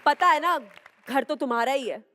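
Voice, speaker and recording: High-voiced woman in a comic sketch. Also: moderate pace, a loud crowd, very noisy.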